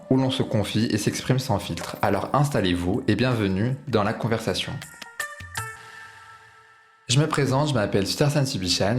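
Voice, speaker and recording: Low-voiced male podcast host. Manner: smooth when reading, halting with fillers when asking. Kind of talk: scripted intro, then casual interview.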